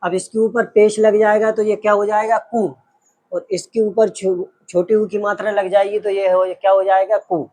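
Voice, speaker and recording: A man's voice: sits high, little pitch movement, moderate pace, a little mellow. A man teaching a patient lesson, sounding out letters one by one and explaining with rhetorical questions. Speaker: Urdu teacher. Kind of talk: slow, patient classroom lesson.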